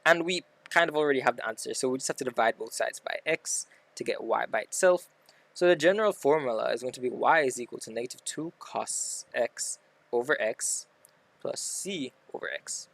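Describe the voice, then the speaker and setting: Male maths tutor, mid pitch, gravelly, dry room, casual step-by-step explainer. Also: animated, normal speed, fairly bright tone, no room sound. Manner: talks through steps aloud, self-correcting. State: hiccuping. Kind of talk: casual worked-example lesson.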